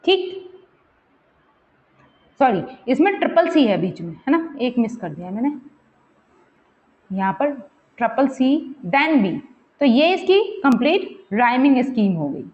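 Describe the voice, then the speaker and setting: A woman's voice: high voice, very animated, unhurried, long pauses, lo-fi sound. A woman teacher explaining a poem for exam preparation, mixing English terms into her talk and checking in often with her students. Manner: counts and repeats words aloud while pointing to the text. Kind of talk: exam-prep literature lesson.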